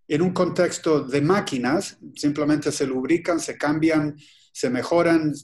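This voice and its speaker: Presenting as a guest in a video-call webinar, a man from Chile speaks with a fairly high voice. His delivery is deliberate and halting, broken by frequent pauses and restarts.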